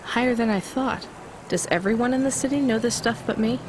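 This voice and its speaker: A woman voices a young courier driver in a video game, using a dry, skeptical, understated delivery in naturalistic scripted acting. Her voice is fairly high and brisk, close to an everyday voice, with a noisy background. The mood is dry and curious.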